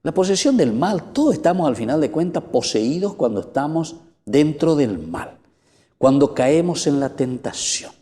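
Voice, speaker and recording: Paraguayan priest giving a sermon, dark mellow voice, punchy emphasis, church echo. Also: male voice, on the high side, sing-song, normal speed. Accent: Paraguayan Spanish. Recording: long church reverb.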